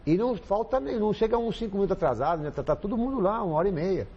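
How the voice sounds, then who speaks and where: A man's voice: high voice, lively intonation, racing, a little mellow, breathy edge, dull audio. A man with a Brazilian accent, a football coach guest chatting casually on a TV panel, rambling and repeating himself with lots of fillers. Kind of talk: casual studio chat.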